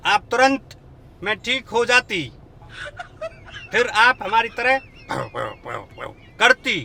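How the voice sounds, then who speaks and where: A man's voice: extremely high pitch, steady tone, takes it slowly, pushed and bright, slight background noise, heavily acted. A man playing a pushy foreign stranger in a car who mangles Hindi verbs and claims his bite cures. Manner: broken Hindi with feminine verb endings. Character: pushy foreign man claiming rabies, offers Dubai trip. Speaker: prankster. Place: inside a car.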